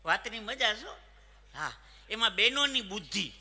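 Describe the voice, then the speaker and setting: A man's voice: high-pitched, moderate pace, breathy edge. A man, telling jokes and funny stories to a live crowd. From Saurashtra, Gujarat. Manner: animated joke-telling, punchlines. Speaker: folk comedian. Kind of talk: live stand-up storytelling. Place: stage at a live event. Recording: echoey hall reverb.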